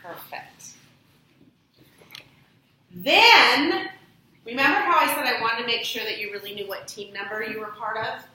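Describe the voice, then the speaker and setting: A woman's voice: a little high, brisk, hardly any pauses, pushed and bright, slight background noise. A woman teacher giving patient classroom instructions, prompting her pupils with questions. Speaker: elementary school teacher. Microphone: distant room mic. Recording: echoey classroom from far off.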